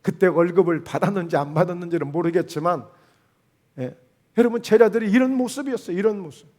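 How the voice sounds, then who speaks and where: A man's voice: high-pitched, fast, a little mellow. A man with a Jeolla Korean accent preaching a sermon as pastor, emphatic, with rhetorical questions and quoted dialogue. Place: church sanctuary.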